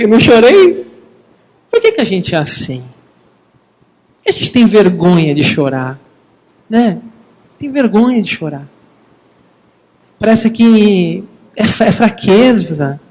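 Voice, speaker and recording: High-voiced preaching man in a reverberant hall. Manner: lively preaching, addressing the congregation as brothers. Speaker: pastor. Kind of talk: sermon.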